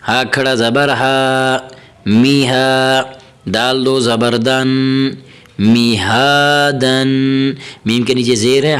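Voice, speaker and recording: A man's voice: mid-range voice, a bit bright, smooth. Patient man teaching syllable-by-syllable recitation. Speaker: Quran reading teacher. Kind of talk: spelling-out recitation lesson.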